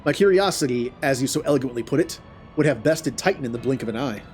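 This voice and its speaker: A man's voice: mid-range voice, lively intonation, fast, darkish tone, soft background music, natural voice. A man voicing proud, grandiose fantasy game characters, reading in a formal, declamatory way.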